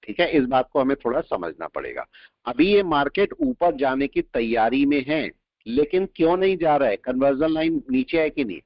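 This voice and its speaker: A man teaching a live trading class, explaining points and quizzing his students with quick questions. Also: medium pitch, sing-song, dry recording. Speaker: trading instructor. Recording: dull lo-fi audio, dry.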